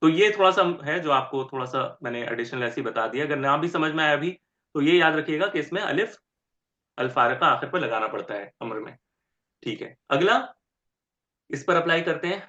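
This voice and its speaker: A man teaching Arabic grammar step by step in an online lecture, repeating word forms slowly and often checking with "ठीक है?". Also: a little high, sharp tone. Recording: roomy, dull lo-fi sound.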